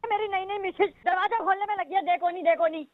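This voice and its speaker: A man's voice: very high voice, fairly even intonation, quick pace, dry recording, phone-quality sound. A man angrily scolding and insulting someone over the phone. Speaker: phone caller. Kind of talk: angry phone complaint.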